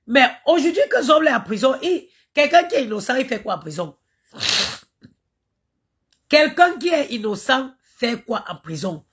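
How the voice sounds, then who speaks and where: A woman from Cameroon, her voice a little high with a breathy edge, rants indignantly in an impassioned live stream, stammering and chanting invocations. The audio sounds dull.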